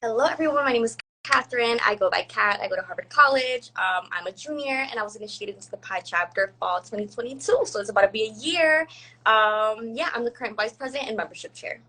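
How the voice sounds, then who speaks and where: A woman's voice: fairly high pitch, lively intonation, fast talker, pushed and bright, a little hiss or hum, low-quality recording. A young woman in her twenties, a student co-hosting an interview, friendly and a little hesitant. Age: 20s. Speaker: student co-host.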